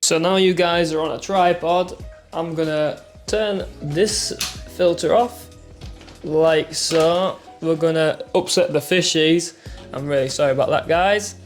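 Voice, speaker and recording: Friendly male hobby vlogger, slightly higher pitch, chatty, laughs at his own mishaps, talking into a phone mic by his tanks. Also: fairly even intonation, unhurried, soft background music. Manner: chatty, self-deprecating, laughs at himself. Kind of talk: casual chatty tutorial vlog. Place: indoors at home by his fish tanks. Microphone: clip-on mic, then phone mic.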